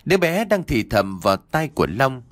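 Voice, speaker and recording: A man narrating a horror story in an expressive, theatrical way. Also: mid-range voice, normal speed, dry recording.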